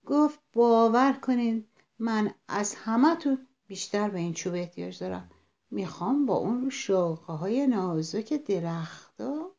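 A woman's voice: mid-range voice, a little mellow, dull audio, lightly acted. A woman voicing a proud acrobat monkey who insists he needs the stick most. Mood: insistent.

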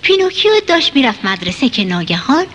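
A woman narrating a children's storybook in a lively, expressive way. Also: fairly high pitch, a little hiss or hum. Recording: narration over loud music.

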